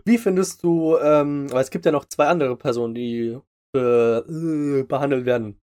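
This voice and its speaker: A man hosting a casual podcast chat, eager and quick to agree while asking his guest questions. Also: a little high, dark tone.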